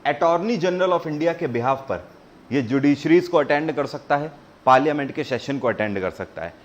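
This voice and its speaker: Teaching a live online quiz class, a man reads every question out slowly, explains it, and presses viewers to respond, mixing English terms into his Hindi. His voice is on the high side and expressive, and the audio sounds dull.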